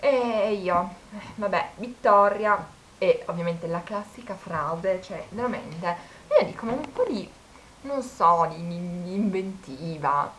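A woman's voice: lowish voice, animated, slow, a bit bright, a little hiss or hum, poor audio. A young woman, chatting casually to her viewers and telling stories in which she quotes people. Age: 20s. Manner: chatty storytelling, quoting people. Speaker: vlogger. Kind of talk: casual chat.

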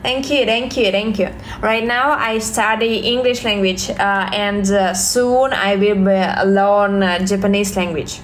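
A young woman from Russia with a Russian accent, livestreaming from her phone at home, reading viewer questions and answering in slow, halting English full of fillers and repeated thanks. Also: mid-range voice, steady tone, a little hiss or hum. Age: young adult. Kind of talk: live stream chat reading viewer comments. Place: home, indoors, small room. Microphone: phone at arm's length.

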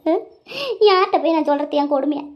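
A middle-aged cartoon wife who wails and complains at length, her voice pitched very high. She talks fast, and the sound is dull and lo-fi. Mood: complaining. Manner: crying, lamenting loudly, calling on God. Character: wailing middle-aged village wife, self-pitying. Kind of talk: cartoon comedy dialogue.

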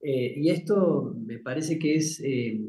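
A man, a company founder, explaining ideas in a measured way with frequent tag questions. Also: medium pitch, warm tone, roomy sound. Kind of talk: casual business interview.

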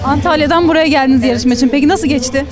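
A woman's voice: high voice, racing, over music. A woman interviewer putting short on-site questions at an event.

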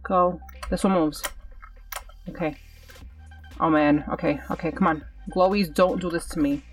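A woman's voice: deep voice, steady tone, unhurried, distant mic, soft background music. A woman hosting her gaming channel, giving live gameplay commentary with nervous, self-coaching chatter.

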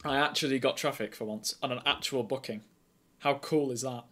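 Young guy on stream doing atc, chatty n excited then calm on the radio. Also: mid-range voice, a little fast, heavy background noise. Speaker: air traffic controller streamer. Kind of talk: casual streaming chat and radio calls.

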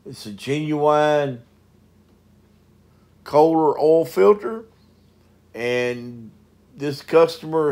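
Folksy, gravelly mechanic. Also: male voice, on the high side, a little mellow. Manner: folksy, plain-spoken. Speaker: mobile mechanic. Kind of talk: voice-over narration of a repair video.

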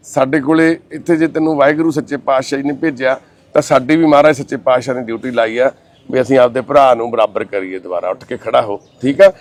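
A man's voice: medium pitch, fairly even intonation, fast. Reassuring man comforting a family. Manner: warm, reassuring, informal and fatherly. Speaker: social service volunteer. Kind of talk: consoling talk and on-camera explanation.

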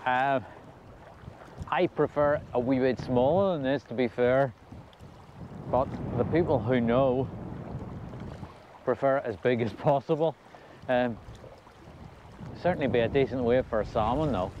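A man with a Scottish accent giving casual, halting, low-key commentary as he fishes, thinking aloud. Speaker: angler filming a fishing vlog. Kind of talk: casual unscripted commentary while fishing. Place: outdoors on a windy loch shore. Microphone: body-worn action camera. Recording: muffled, windy outdoor action-camera audio. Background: wind and water noise.

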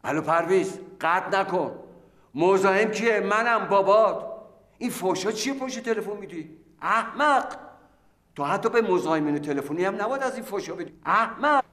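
A fussy middle-aged clerk in a TV sitcom blusters and scolds in a high voice. The sound rings in an echoey room. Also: male voice, lively intonation, a bit bright. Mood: scolding. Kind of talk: sitcom acting.

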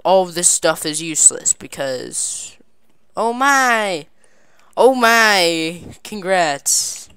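A woman giving casual gameplay commentary at her computer, goofy and chatty, breaking into excited cheers, on a desk mic. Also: on the low side, drawn-out words, smooth, no room sound, studio quality. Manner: excited squealing "yay" cheers and laughter; playful goofy broken phrasing. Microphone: desk microphone.

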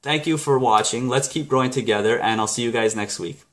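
A man's voice: mid-range voice, fairly quick. Rambling Canadian man explaining a book. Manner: rambling, self-correcting, with laughs and asides. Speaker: book review vlogger. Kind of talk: casual explanatory vlog.

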